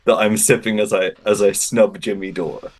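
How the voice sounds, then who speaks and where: A man's voice: on the low side, fairly even intonation, normal speed. A man telling a casual, funny story as a podcast guest, with wry, dry self-deprecation and a stammering, phrase-repeating delivery.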